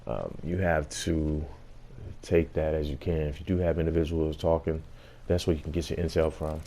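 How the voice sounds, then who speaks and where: A man's voice: extremely low pitch, flat delivery, normal speed, dark tone. A man giving a casual gameplay tutorial as host, explaining things in an informal way.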